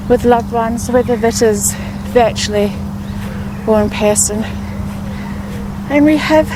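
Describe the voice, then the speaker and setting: A woman guiding a grounding meditation, speaking positive affirmations with pauses and repetition. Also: on the high side, noisy background. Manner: slow, pausing grounding-exercise delivery with repeated affirmations. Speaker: meditation guide.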